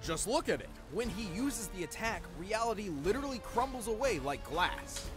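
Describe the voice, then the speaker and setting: A man performs an earnest, nerdy scientist co-host, giving precise, analytical explanations in scripted narration at a moderate pace. His fairly high voice has animated intonation, and background music is clearly audible underneath.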